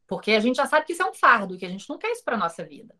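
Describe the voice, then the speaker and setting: A woman with a Brazilian accent gives a casual recorded lesson in a rather high voice. She puts rhetorical questions to her viewers and acts out the lines of people in her own stories. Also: racing. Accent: Brazilian Portuguese. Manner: lively, talks straight to the viewers with rhetorical questions. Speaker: teacher of an online course.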